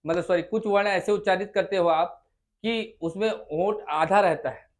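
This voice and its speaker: A man's voice: high voice, moderate pace. A man with a Chhattisgarh Hindi accent teaching a classroom lesson, coaxing his students and sounding out vowels again and again to check they follow. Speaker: Hindi tutor.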